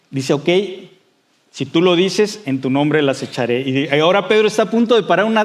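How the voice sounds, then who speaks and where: A man preaching a sermon in a conversational way, with frequent fillers and restarts, and acting out quoted voices with rising excitement. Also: a little high. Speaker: pastor.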